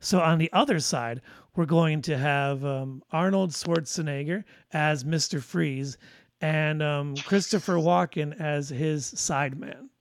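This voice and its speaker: Man, casual host, rambling, filler-heavy, somewhat high voice, dry close sound. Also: takes it slowly, vocal fry, dry recording. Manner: rambling, many fillers and restarts. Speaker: podcast host. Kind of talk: casual chat.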